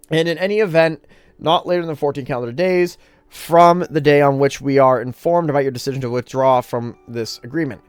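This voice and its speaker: A man's voice: mid-range voice, a little mellow, clean tone. A man reading a long legal agreement aloud word for word, stumbling now and then and correcting himself. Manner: plain read-aloud with stumbles, self-corrections and apologies; reads out punctuation such as "open bracket" and "slash". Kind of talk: verbatim reading of a legal text.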